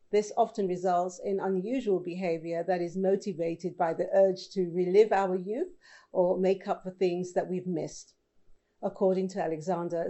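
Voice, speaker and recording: Mellow-voiced woman news host. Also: mid-range voice, highs cut off. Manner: conversational, addresses viewers directly. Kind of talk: scripted news presenting.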